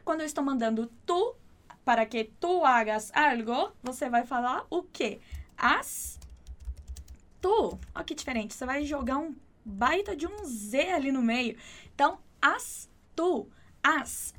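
A high-voiced woman teaches an online Spanish lesson. She explains patiently and repeats each word slowly and clearly. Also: animated, a bit bright.

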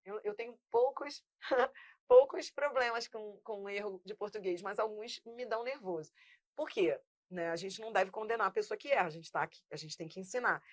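A Brazilian woman teaching a lively Portuguese grammar class, emphatic and drilling students with repeated examples. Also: medium pitch, moderate pace, no echo, clean studio sound.

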